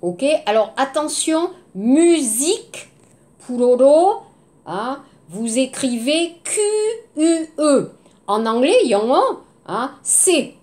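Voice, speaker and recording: Woman, French teacher, high lively voice, unhurried drilling, patient repetition. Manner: patient, repeats words slowly, mixes in Korean. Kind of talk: language lesson, drilling words.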